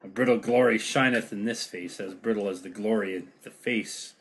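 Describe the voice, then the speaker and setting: A man's voice: on the low side, moderate pace, a little hiss or hum, close to an everyday voice. A man reading the part of a grieving, mocking deposed king in an amateur play read-through, declaiming verse with wry sarcasm.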